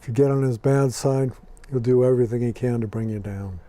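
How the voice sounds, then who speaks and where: A man in his sixties, born in Scotland and raised in Ireland and Los Angeles, answers interview questions as a guest in a plainspoken, dry manner with an American accent. His voice is medium-pitched and dark in tone, fairly quick, and the recording is dry.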